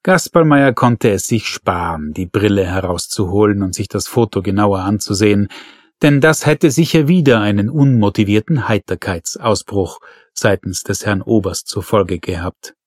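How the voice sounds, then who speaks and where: A man narrating a crime audiobook in a calm, measured, wry manner. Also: on the low side, no echo, studio quality. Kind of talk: scripted narration.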